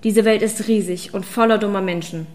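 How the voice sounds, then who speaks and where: A woman's voice: a little high, lively intonation, moderate pace, close to an everyday voice. A woman voicing a power-hungry witch. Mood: fanatical. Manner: hissing, commanding, then shouting. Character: fierce ageless female witch, power-hungry.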